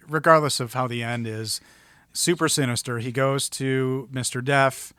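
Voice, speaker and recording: A man's voice: medium pitch, a bit bright, smooth, dry recording. Wry, mid-voiced male podcast co-host. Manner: dry, wry remarks, measured plot recaps. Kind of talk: casual film discussion.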